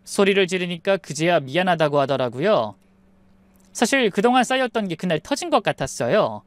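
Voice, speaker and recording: A woman's voice: lowish voice, very animated, brisk, no room sound. Young woman narrating her own story. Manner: confiding, reflective storytelling. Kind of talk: first-person story narration.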